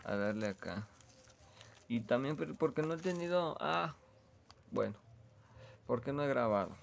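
Gravelly young Mexican guy rambling. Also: fairly low pitch, noisy background. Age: young adult. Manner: laid-back and rambling, heavy with slang. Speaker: vlogger. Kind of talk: casual slangy rambling chat. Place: his bedroom.

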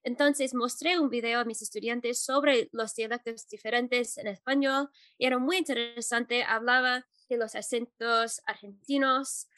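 A woman Spanish teacher answering interview questions, pausing often with fillers and correcting herself as she goes. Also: fairly high pitch, steady tone, a bit bright, no echo. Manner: hesitant, many fillers and self-corrections.

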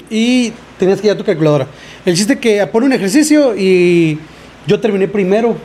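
A man's voice: high voice, lively intonation, normal speed, warm tone. A young Mexican man co-hosting a casual podcast, telling slangy school stories with acted-out quotes. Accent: Mexican Spanish. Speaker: podcast co-host. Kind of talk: casual chat.

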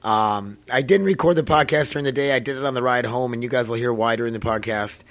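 A man hosting a casual solo podcast in a rambling, informal way, his voice hoarse and nearly gone. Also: medium pitch, fairly even intonation, fast talker, fairly bright tone, no echo. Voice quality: hoarse, worn-out voice from losing it. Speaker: podcast host.

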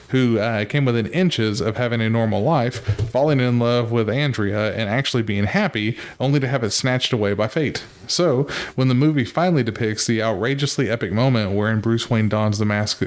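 A man co-hosting a podcast in a casual chat, reading from an article and laughing often. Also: fairly low pitch. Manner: reads from an article, laughs often, uses fillers. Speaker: podcast co-host.

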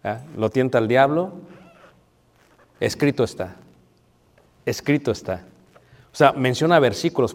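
Pastor preaching in a reverberant hall. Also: male voice, medium pitch, darkish tone. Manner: conversational, asks the audience questions, playful. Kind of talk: marriage sermon.

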